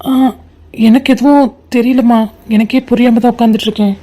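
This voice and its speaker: A woman's voice: on the high side, steady tone, brisk, dark tone, natural voice. A woman voicing a polite young adult son in a cartoon, concerned and respectful. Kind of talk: cartoon voice acting.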